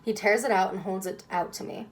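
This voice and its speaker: A woman's voice: medium pitch, fairly even intonation, brisk, rough recording. A woman reading a children's novel aloud expressively, as first-person narration. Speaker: reader.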